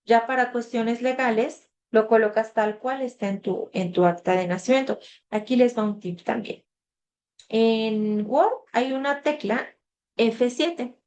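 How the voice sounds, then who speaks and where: A tutor leads her online class through a video-call mic with a slightly high, slightly slow, a little mellow voice, and there's a little hiss or hum. She keeps it loose and conversational, reads the chat aloud, and leans on the filler "este".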